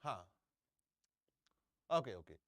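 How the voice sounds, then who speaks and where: A middle-aged engineering exam tutor with an Indian English accent takes it slowly in his live online class, his voice a bit bright. He often repeats himself and checks in with students. The close microphone yields clean studio sound with no room sound.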